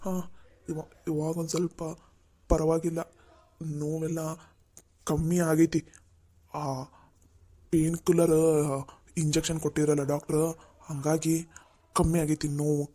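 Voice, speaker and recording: An injured old farmer. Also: female voice, sits low, flat delivery, measured pace, long pauses, warm tone. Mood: mild. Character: injured older village farmer, patient and mild.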